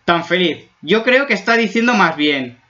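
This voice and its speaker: Joking Spanish man reacting, bright voice. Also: high-pitched, animated, normal speed, dull audio. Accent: Spain. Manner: exaggerated, joking, easily spooked. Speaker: YouTube reactor. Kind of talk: casual video reaction.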